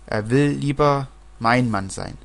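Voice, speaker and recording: A man reading the lines of a sharp-tongued, scornful little girl. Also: mid-range voice, slow pace, creaky.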